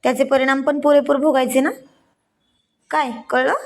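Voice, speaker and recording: A teasing, affectionate young husband, voiced by a woman storyteller who coaxes in a light, fairly high voice. The delivery stays close to a plain reading voice, with playful banter. The tone is gentle and intimate. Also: little pitch movement, normal speed. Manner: teasing and coaxing.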